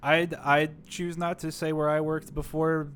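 A man's voice: on the high side, level tone, a little slow, over a noisy crowd. Rambling man telling a work story. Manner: rambling, many "like" fillers, acts out quotes. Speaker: podcast co-host. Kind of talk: casual storytelling chat. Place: live-streamed podcast setup.

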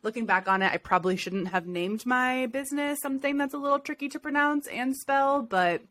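A woman's voice: high voice, fairly quick, a bit bright. A young woman from Ohio co-hosting a casual podcast chat, chatty and self-deprecating, laughing often. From Ohio, USA. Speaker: podcast co-host and business owner.

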